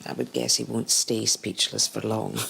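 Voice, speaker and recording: An actress playing a calm, firm housekeeper in a period drama. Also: female voice, a bass voice, normal speed, creaky, a little hiss or hum, exaggerated voice.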